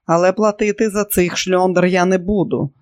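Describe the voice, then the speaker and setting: A man's voice: high-pitched, steady tone, normal speed, no echo, studio quality, natural voice. A man reading an audiobook, voicing a coarse, drunken boardinghouse manager of about thirty. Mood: grumbling. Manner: coarse, rude, shouting.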